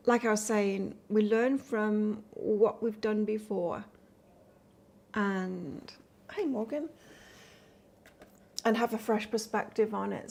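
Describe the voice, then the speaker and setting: A gravelly, fairly high-pitched woman with an accent that sits between northern English and Australian. She gives a live-stream tarot reading in a relaxed, rambling way, chatting with her viewers between cards. A faint hiss sits under her voice. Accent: mix of northern English and Australian. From north of England. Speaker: tarot reader.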